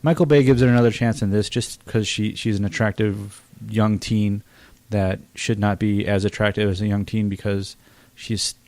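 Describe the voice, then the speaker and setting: A man with a fairly low voice picks a film apart bluntly, with open scorn and frequent swearing. His voice sounds close and dry, with no room around it. He talks in a casual roundtable style. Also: fairly even intonation, moderate pace, a little mellow, dry recording. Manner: blunt, profane, scornful criticism. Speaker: film reviewer. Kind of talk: casual movie review chat.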